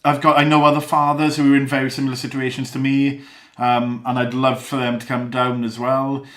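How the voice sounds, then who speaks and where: A young father talks earnestly about parenting at home, in a mid-pitched voice with a rambling, self-correcting flow. His voice bounces around an echoey living room. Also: flat delivery, brisk, fairly bright tone. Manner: earnest, rambling, with small laughs and restarts. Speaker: father and vlogger. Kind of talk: casual vlog talk to camera.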